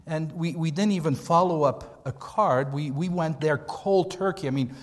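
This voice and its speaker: In a large, reverberant hall, an American man with a fairly high voice speaks at normal speed to a gathered group. He's a pastor delivering an informal seminar training, chatty and prone to restating points to drive them home, with long echo throughout the recording.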